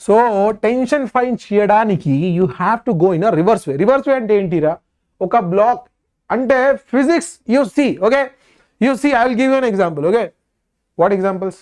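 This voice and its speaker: A physics teacher with a Telugu accent giving a lively classroom lesson, repeating phrases insistently and prodding students with questions. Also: mid-range voice, racing.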